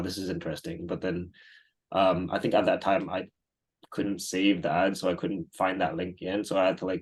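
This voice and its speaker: A guest in his thirties from Singapore answers interview questions in a relaxed, rambling manner, full of fillers and restarts. His voice is low-pitched and husky.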